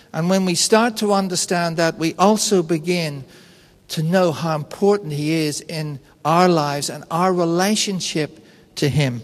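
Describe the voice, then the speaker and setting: A man preaching a sermon in an unhurried, conversational and personal way, telling stories. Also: sits high, big-room sound. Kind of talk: sermon with storytelling.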